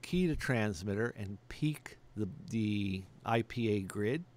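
This middle-aged amateur radio operator has a lowish, slightly mellow voice and talks slowly but expressively. He delivers a plain, matter-of-fact step-by-step demonstration over clearly audible background noise.

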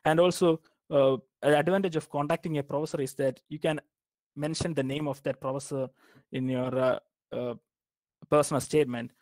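A young man from Kerala, India, appears as a guest speaker offering informal advice on graduate school applications. He speaks hesitantly, with many fillers and restarts, in a slightly high, steady and somewhat mellow voice at normal speed. The recording has no echo.

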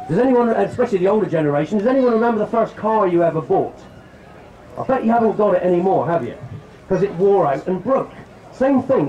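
A man's voice: sits high, mellow, reverberant, low-quality recording. Chatty man demonstrating outdoors. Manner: jokey, chatty, addresses crowd directly. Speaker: shooting demonstrator. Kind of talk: outdoor live demonstration talk. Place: outdoor country show, on a stand.

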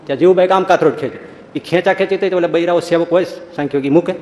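A man giving a humorous religious talk, telling anecdotes in a lively storytelling way and acting out the people in them. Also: fairly high pitch, very fast. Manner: storytelling, animated, acts out quoted voices. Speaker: preacher. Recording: long hall reverb.

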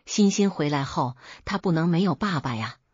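A woman's voice: low voice, lively intonation, moderate pace, a little mellow, breathy edge, dry recording, dull audio. A woman reading the lines of a desperate husband who begs his wife for forgiveness, in a story narration. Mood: pleading. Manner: begging, desperate. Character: pleading adult husband caught lying.

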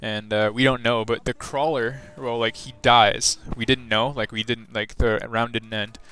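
A man's voice: mid-range voice, level tone, moderate pace, pushed and bright. A teenage guy casually narrating a gameplay walkthrough, rambling loosely with lots of fillers and restarts. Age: teens. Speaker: gaming video host.

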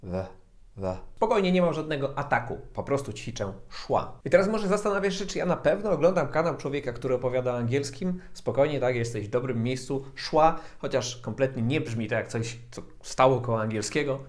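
A man giving a casual video lesson to camera as an English teacher, joking and talking straight to the viewer. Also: medium pitch. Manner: joking, addresses the viewer directly.

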